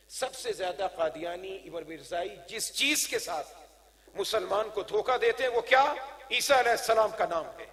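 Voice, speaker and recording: A man preaching an impassioned sermon at a religious conference, swinging from loud proclamations to hushed emphasis and repeating phrases as he addresses the crowd. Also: high-pitched. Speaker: Islamic preacher. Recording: long reverberant hall sound.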